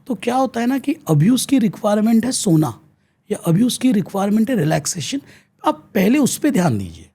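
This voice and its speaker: An Indian man speaks as an interview guest, explaining ideas in an earnest, teacherly way. His voice is husky and mellow, and his pitch rises and falls a great deal. He switches freely between Hindi and English. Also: sing-song, brisk.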